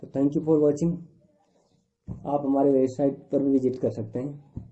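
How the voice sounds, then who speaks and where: A man's voice: medium pitch, little pitch movement, warm tone. A man teaching a vocabulary lesson word by word, giving each word's meaning in plain, repetitive phrases. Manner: slow, repetitive listing of words with translations. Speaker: language teacher. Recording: tinny phone-like recording.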